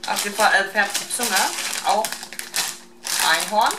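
A middle-aged woman casually talking through a shopping haul, listing items one by one in a halting, unscripted way. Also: medium pitch. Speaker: vlogger showing a shopping haul. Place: home kitchen, indoors. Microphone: camera mic at a short distance. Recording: roomy, distant camera mic with clear noise.

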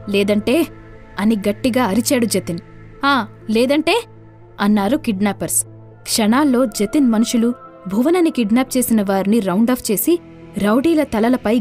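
Mellow-voiced woman reading a story. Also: a little high. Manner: reads all parts herself, lightly voicing each character. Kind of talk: scripted audio drama narration.

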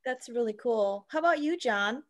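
A woman's voice: on the high side, expressive, moderate pace. A middle-aged woman hosting a friendly interview for children over a video call. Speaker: host. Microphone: video call microphone.

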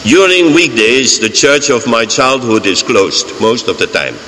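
An older man with a Dutch accent, a priest giving a homily from the pulpit of a large church, slow, deliberate and emphatic. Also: mid-range voice, animated, bright, forceful tone. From Netherlands. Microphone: fixed mic on pulpit. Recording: church reverb, faint hiss.

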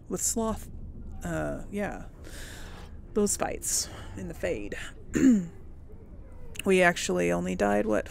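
A woman hosts a gaming playthrough series, chatting casually to viewers and musing aloud to herself in let's play commentary. Her mid-range voice is gravelly with a fairly bright tone, and there's slight background noise.

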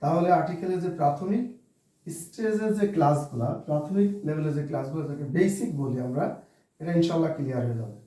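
A man's voice: fairly high pitch, quick pace, mellow. A man teaching a beginners' English lesson, spelling words out letter by letter and posing questions that he answers himself. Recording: distant mic in a very echoey room.

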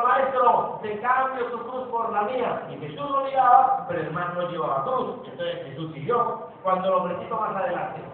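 A Colombian man giving a joking motivational talk to a live audience, telling stories and asking the crowd questions. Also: high voice. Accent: Colombian Spanish. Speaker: motivational speaker. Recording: distant, phone-like, echoey hall with audience.

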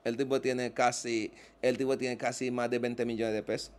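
A man's voice: medium pitch, moderate pace, smooth. A Dominican man talks as a guest in a casual interview. He tells his stories with a lot of life and acts out the voices of the people in them. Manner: animated storyteller, acts out quoted voices.

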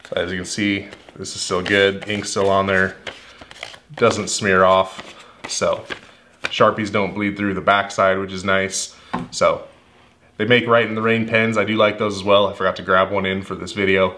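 A man in his thirties who works in HVAC reviews his daily tools to camera while seated at a wooden workshop table indoors. He speaks in a low, flat, pushed and bright voice at a moderate pace, rambling and repeating himself as he thinks. There's a little hiss or hum.

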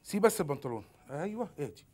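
Flustered Egyptian man talking fast. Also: on the high side, sing-song, a little mellow. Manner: flustered, insistent, exasperated. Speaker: prank victim. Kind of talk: hidden camera prank.

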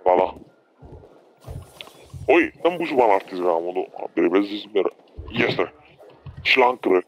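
Low-voiced boisterous Cypriot Greek gamer. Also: male voice, expressive. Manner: boisterous, cursing, shouting game calls. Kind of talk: casual gaming chat.

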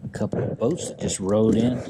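A man's voice: lowish voice, brisk. A middle-aged man talking casually on a fishing vlog from a small boat on a lake, recorded on a mounted action camera. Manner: relaxed, plain-spoken, rambling. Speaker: fishing vlogger. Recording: outdoor wind and water noise.

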